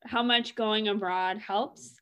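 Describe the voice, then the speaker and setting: A young woman, a native English speaker, co-hosts a small reflective discussion podcast, thinking out loud in casual conversation. Her mid-range voice is steady and slow, with a bright, forceful, clear and resonant quality.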